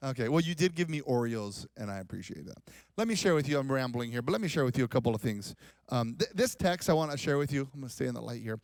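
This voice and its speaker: A man's voice: mid-range voice, animated, fast talker, no echo. A man in his forties, a pastor giving a casual, rambling, joking talk at a conference. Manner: rambling, self-deprecating, joking. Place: conference hall.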